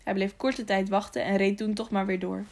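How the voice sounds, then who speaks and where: A woman narrating a children's novel aloud in a calm, even storytelling manner. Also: medium pitch, brisk. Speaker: audiobook narrator. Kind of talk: scripted narration.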